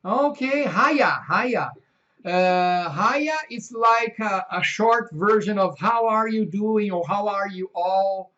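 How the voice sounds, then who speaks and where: A man's voice: high-pitched, fairly bright tone. Hesitant Brazilian-accented male host. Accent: Brazilian Portuguese. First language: Portuguese. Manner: hesitant, halting with many fillers. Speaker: host, English teacher. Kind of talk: casual interview. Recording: dull lo-fi sound.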